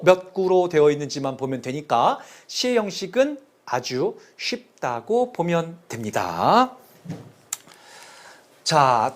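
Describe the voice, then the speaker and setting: A male teacher delivering a lecture at an unhurried, deliberate pace. His pitch rises and falls widely as he counts aloud and repeats key terms in a sing-song way so they stick. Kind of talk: classroom lecture on Chinese poetry.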